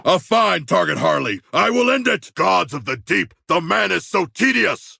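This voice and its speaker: A man's voice: mid-range voice, vocal fry, pushed and bright, slightly rough, no room sound, clean studio sound, exaggerated voice. A man playing a huge humanoid shark warrior in a video game, earnest and literal-minded, with formal, stilted, grandiose diction and a battle-hungry pride. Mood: battle fervor. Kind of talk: video game character voice lines.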